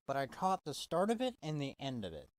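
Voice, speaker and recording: A man's voice: on the high side, wildly swooping pitch, fairly quick, no room sound. Profane, exasperated man ranting. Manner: profane, exasperated, stumbling restarts. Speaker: wrestling reviewer. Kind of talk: casual ranting review.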